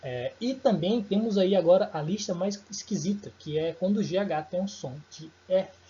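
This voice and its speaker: Male teacher, mellow voice, relaxed self-correcting delivery, dull lo-fi recording. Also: sits high, moderate pace, a little hiss or hum. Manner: informal, self-correcting, apologizes for slips. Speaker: English teacher. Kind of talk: recorded online lesson.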